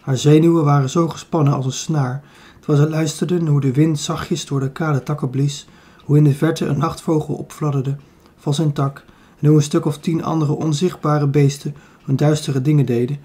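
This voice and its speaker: A man narrating a children's audiobook in a calm, even storytelling manner. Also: a little high, moderate pace, slightly rough.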